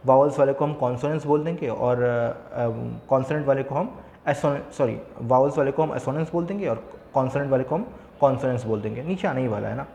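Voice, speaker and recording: A man with an Indian English accent teaching literature, mixing Hindi and English, reading examples off a slide slowly and often checking with "है ना". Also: medium pitch, gravelly, mellow. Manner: frequent checking fillers. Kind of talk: recorded lesson explaining slides. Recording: echoey room with long reverb.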